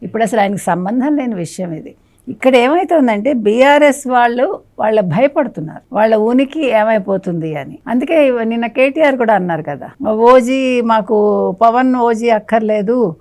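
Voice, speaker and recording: A woman's voice: on the high side, expressive, fairly quick, a little mellow. A woman guest on a political talk show, scolding and firing off rhetorical questions, now and then slipping English phrases into her speech.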